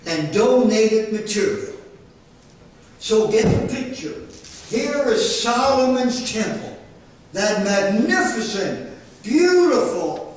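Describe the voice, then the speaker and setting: Guy preaching a sermon, folksy and emphatic, kinda high voice, big echo, mic sounds far off. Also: slight background noise. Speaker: pastor. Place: church sanctuary. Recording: echoey sanctuary, mic far off.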